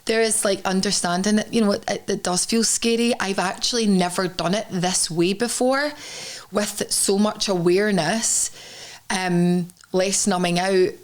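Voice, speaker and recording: A woman in mid-range pitch co-hosts a podcast conversation. She talks reflectively, thinking out loud and leaning on fillers as she works toward her point. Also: steady tone, measured pace. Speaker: podcast co-host.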